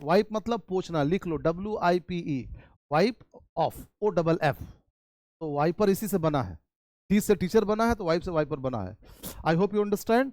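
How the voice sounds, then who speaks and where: A man from India, an English teacher giving a chatty spoken-English lesson in Hindi, teasing his students and drawing out model sentences slowly, with a Hindi-accented English. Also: high voice, a little mellow, dry recording.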